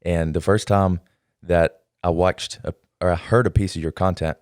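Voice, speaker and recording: A man hosting a casual podcast interview in a studio, energetic and encouraging, talking in quick bursts. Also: low-pitched, clear, resonant tone, no echo. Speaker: podcast host. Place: podcast studio, in person with guest. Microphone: studio microphone.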